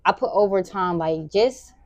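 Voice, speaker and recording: A teenage girl, a high school sprinter answering interview questions in a relaxed, rambling way. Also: moderate pace, no echo. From Memphis, Tennessee. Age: teens. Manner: relaxed, rambling, many "like" fillers.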